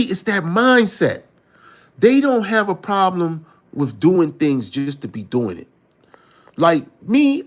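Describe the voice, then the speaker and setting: A man talking casually to camera, telling a story and acting out conversations, often asking "you know what I'm saying". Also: fairly high pitch. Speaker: vlogger.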